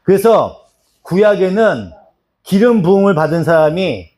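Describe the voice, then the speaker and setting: Male pastor, small-church doctrine class, quizzes by name, animated pitch, dark mellow tone. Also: a little slow. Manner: repetitive, drills answers and calls on people by name. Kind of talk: church Bible lesson, quizzing listeners.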